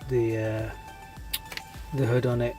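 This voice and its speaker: Chatting casually with his viewers, a scale model channel host speaks slowly in a mid-range voice with little pitch movement. A cold has stuffed his nose and his voice is giving out, yet he stays friendly and easygoing through frequent hesitations and restarts, with clear background music underneath.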